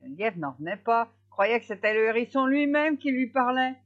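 A woman reading a fairy tale aloud in an expressive way, slowing down for effect. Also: on the high side. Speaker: storyteller. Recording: slightly dull lo-fi recording.

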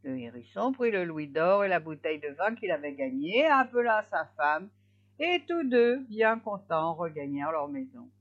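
A woman reading a fairy tale aloud in an expressive way, slowing down for effect. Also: fairly low pitch. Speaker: storyteller. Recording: slightly dull lo-fi recording.

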